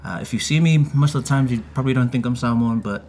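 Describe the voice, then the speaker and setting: A man's voice: medium pitch, quick pace, darkish tone, a little hiss or hum. A man with a New Zealand accent, a jokey, self-deprecating podcast guest who laughs easily. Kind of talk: casual interview chat.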